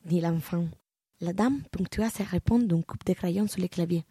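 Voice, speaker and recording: A woman narrating a literary novel in a measured, even reading voice. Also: lowish voice, breathy edge, no room sound, studio quality.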